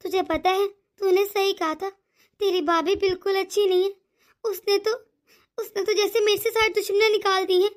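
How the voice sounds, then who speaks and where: Brief: woman doing a fussing cartoon mother-in-law, older, soft and coaxing, very high pitch. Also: steady tone, normal speed. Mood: complaining. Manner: soft-spoken, worried, coaxing. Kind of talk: animated cartoon voice acting.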